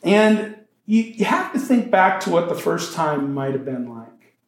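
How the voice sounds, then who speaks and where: A man's voice: on the high side, big pitch swings, measured pace, roomy sound. A male pastor preaching a sermon in a conversational way, with joking asides.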